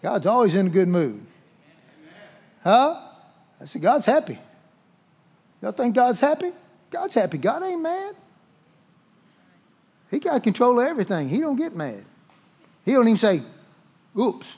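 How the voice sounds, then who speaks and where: A male pastor delivering a sermon in a folksy, humorous and animated way. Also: high-pitched, moderate pace, pauses often, husky.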